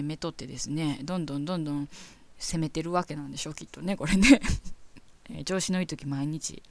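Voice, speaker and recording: A woman's voice: low-pitched, darkish tone. A woman with a Kansai accent hosting a show, chatting frankly and reading listener letters aloud, often breaking into giggles. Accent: Kansai Japanese. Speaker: radio host reading listener mail.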